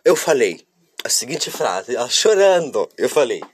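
In a dry recording, a husky, medium-pitched man speaks in a sing-song way at a measured pace. A vlogger from Curitiba, southern Brazil, he has a cold and rambles through a casual confessional monologue aimed straight at viewers.

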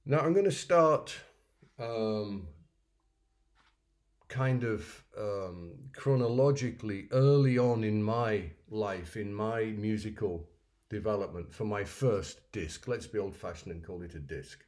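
Man, podcast host, reflective monologue, mellow tone, somewhat low pitch. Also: slow pace. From North Yorkshire, England. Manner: rambling, reflective, with many fillers and restarts.

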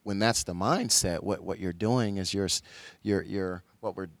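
Low-voiced man speaking reflectively. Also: moderate pace, dry recording. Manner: affirming, reflective, with frequent restarts. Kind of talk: conversational talk on faith and society.

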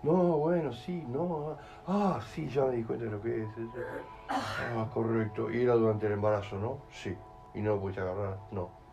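A man's voice: fairly low pitch, lo-fi sound. Rioplatense man telling stories to a live audience. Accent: Rioplatense Spanish. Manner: animated storyteller, acts out voices, keeps asking "¿entendés?". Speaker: speaker at a live talk. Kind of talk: in-person talk with audience questions.

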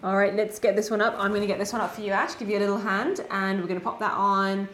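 A woman's voice: medium pitch, level tone, fast talker, a bit bright, a little hiss or hum. Upbeat woman co-hosting a live stream. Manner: chatty, upbeat, addresses viewers. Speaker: co-host. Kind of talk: live tech stream chat.

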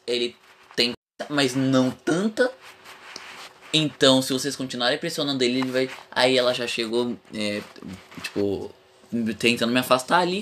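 A young man, chatting casually on a podcast. He rambles, swears freely and speaks with a very lively, swinging pitch. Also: slight background noise. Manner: rambling, frank, swears freely, often laughs. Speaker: podcast host.

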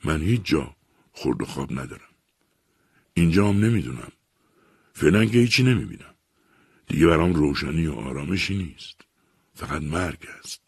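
Storybook: man doing an anguished grieving man, husky and gravelly, cries out. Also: very deep voice, no echo, clean studio sound, heavily acted. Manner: anguished, raised outcries. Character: grief-stricken man mourning his wife and brother. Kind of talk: audiobook narration.

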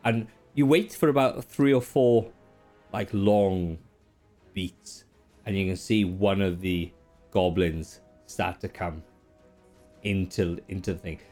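Low-voiced man running a tabletop game. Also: takes it slowly, darkish tone, soft background music. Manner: descriptive, hesitant with fillers. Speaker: game master.

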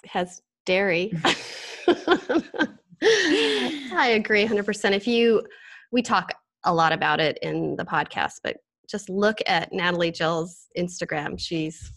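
A woman's voice: lowish voice, animated, a little slow, pauses often, a bit bright. A woman co-hosting a podcast, moving between casual chat and scripted announcements. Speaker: podcast co-host.

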